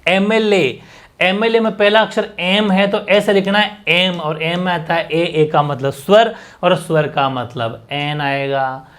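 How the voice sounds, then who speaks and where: Male coaching-class teacher, a bit high-pitched, repeats himself and drills students with questions. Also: unhurried, a bit bright. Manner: explains by repeating and quizzing students. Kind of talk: exam-prep class lecture.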